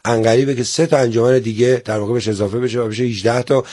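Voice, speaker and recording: A man's voice: mid-range voice, steady tone, dark tone. A man speaking as a guest on a studio interview, polite and formal, who often restarts his phrases. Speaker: guest, theater organizer.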